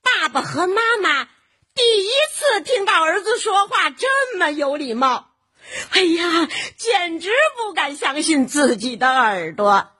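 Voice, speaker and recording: A woman narrating a children's story in an expressive, animated way. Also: extremely high pitch. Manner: expressive and animated, slow-paced.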